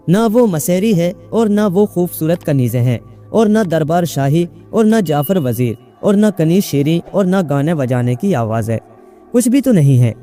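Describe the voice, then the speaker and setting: High-voiced guy reading an old tale, steady and calm, soft music behind. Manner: steady, measured storytelling. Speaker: storyteller. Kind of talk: narrated folk tale reading.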